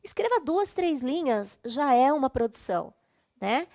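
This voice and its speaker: A woman's voice: high-pitched, sing-song, a little slow, a little mellow. A woman with a Brazilian Portuguese accent teaching an online English class, explaining patiently step by step and checking in often.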